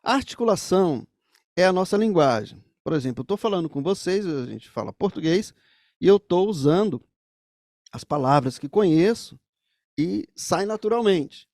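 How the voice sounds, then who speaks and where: A man's voice: sits high, lively intonation, normal speed, gravelly, darkish tone, no echo, studio quality. A man teaching saxophone, explaining things straight to the viewers in a music lesson.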